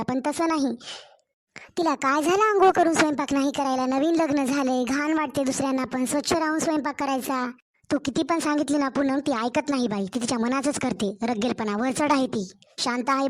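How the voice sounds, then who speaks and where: A woman voicing a complaining, sharp-tongued mother-in-law in a cartoon story, with a Marathwada Marathi accent. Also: on the high side, a little hiss or hum, natural voice. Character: scolding nagging middle-aged mother-in-law.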